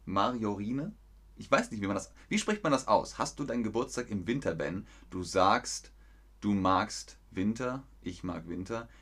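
A man from teaching in a live-stream lesson, speaking slowly and clearly, reading viewers' chat aloud and correcting them. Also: on the low side, sing-song, a bit bright.

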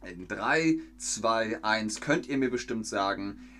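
A man's voice: fairly low pitch, lively intonation, takes it slowly, fairly bright tone, slight background noise. A man chatting casually on a live stream, reading viewer comments aloud with many hesitant fillers. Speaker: streamer hosting a fan quiz.

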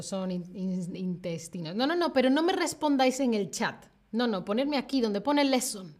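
Southern spanish lady teacher, slightly high voice, slow and clear, repeats stuff a lot. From southern Spain. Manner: slow, clear, repeats clues, laughs often. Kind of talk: live online Spanish lesson.

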